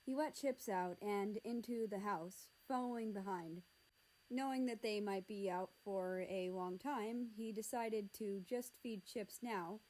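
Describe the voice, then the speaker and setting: Young woman narrator reading fan fiction, casual and even, middling voice. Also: mid-range voice, rough recording. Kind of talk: casual read-aloud storytelling.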